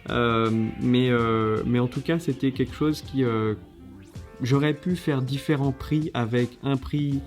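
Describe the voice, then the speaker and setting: A man hosting a casual video, judging contest entries in a lively, chatty way with many fillers and restarts. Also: medium pitch, a little slow, soft background music.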